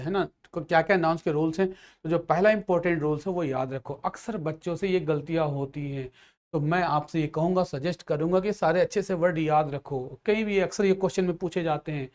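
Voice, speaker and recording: A man with an Indian accent gives an English grammar lesson to exam students, explaining patiently and frequently checking that they're following. His voice is fairly high and a little mellow.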